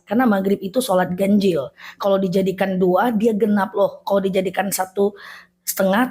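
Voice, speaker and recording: A woman with a soft, breathy voice teaches a casual religious lesson. She explains each step patiently and checks in often with a friendly "okay?". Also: mid-range voice.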